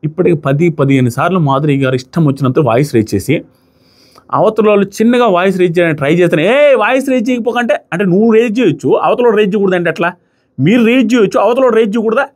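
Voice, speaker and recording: A man's voice: sits high, racing. A man reviewing a reality show in casual, argumentative talk, often acting out what contestants said. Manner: emphatic, argumentative, re-enacts quotes loudly.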